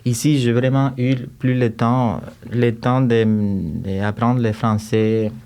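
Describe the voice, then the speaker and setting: A man's voice: medium pitch, little pitch movement, takes it slowly, a little mellow, clean tone. A man from Cuba with a Cuban Spanish accent, speaking French as a second language in a studio interview, thoughtful and often restarting his phrases. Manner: thoughtful, searching for words with frequent restarts. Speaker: guest composer and choir director. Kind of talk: casual interview conversation. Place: recording studio.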